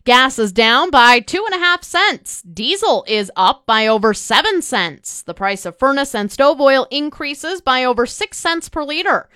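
A woman's voice: high-pitched, animated, a little slow, hardly any pauses, pushed and bright, clear, resonant tone, dry recording, clean studio sound. A woman announcer reading scripted news and weather forecasts on the radio.

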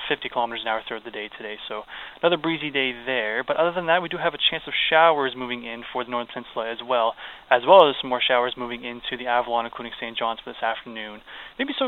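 Male weather forecaster, phone-line sound, brisk, informal, slightly hesitant delivery. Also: medium pitch. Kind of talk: casual live weather chat. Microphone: phone call.

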